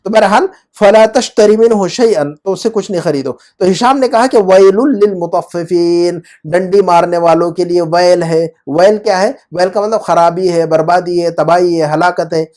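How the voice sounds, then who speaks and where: A man's voice: high voice, hardly any pauses, darkish tone. A man teaching Arabic grammar in Urdu, explaining patiently and often asking his student check-up questions.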